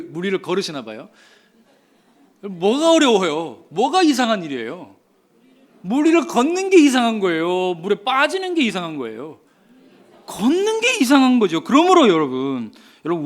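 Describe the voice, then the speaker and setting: A man's voice: high-pitched, fairly bright tone. A pastor preaching a sermon with rhetorical questions to the congregation, acting out voices to make his point.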